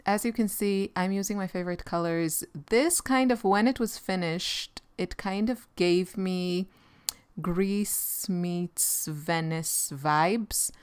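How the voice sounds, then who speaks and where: Israeli woman artist host, unhurried easy chat while painting, clear smooth voice, slightly low. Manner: relaxed, rambling, with light laughs.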